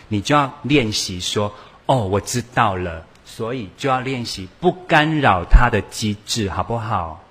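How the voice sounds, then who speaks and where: A man's voice: medium pitch, breathy edge. A man giving a humorous church lecture, telling stories with acted dialogue. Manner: lively storytelling with acted dialogue. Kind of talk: humorous sermon-style lecture.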